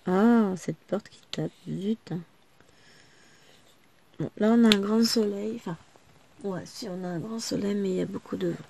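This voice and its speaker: A woman rambles through a casual vlog chat, full of little asides. Her voice is gravelly and still cracks now and then after a recent loss of voice. Her pitch sits in an ordinary middle range. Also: moderate pace, long pauses, warm tone, slight background noise. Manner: rambling, chatty, many small asides. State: voice still breaking after losing it. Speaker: vlogger.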